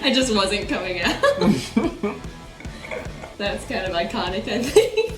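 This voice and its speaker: A woman's voice: medium pitch, lively intonation, slow pace. A woman co-hosting with casual comic storytelling, giggly and self-deprecating. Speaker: co-host. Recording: roomy echo with music.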